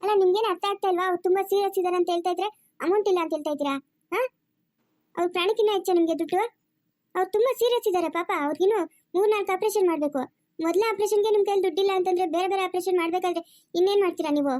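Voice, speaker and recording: A woman's voice: very high voice, steady tone, rapid-fire, no echo, clean studio sound. A woman voicing a stern, impatient hospital nurse who scolds and demands payment. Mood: scolding. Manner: scolding, sharp questions.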